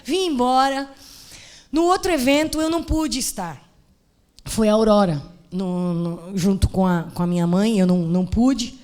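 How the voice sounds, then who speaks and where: A woman's voice: medium pitch, moderate pace, darkish tone. A woman pastor from Brazil preaching at a women's conference, telling a story with humor and acting out the dialogue.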